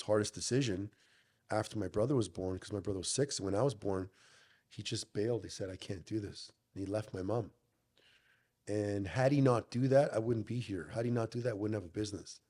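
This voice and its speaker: Blunt, swearing gym owner, lowish voice. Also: male voice, a little mellow. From Canada. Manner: blunt, swears often, says "bro". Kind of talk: casual podcast storytelling.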